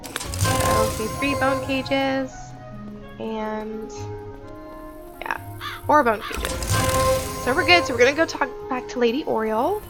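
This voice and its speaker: A woman's voice: sits high, slow pace, pauses often, over loud music. A woman hosting a casual game walkthrough on a headset mic, chatty and informal, thinking aloud as she goes. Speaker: gaming video host.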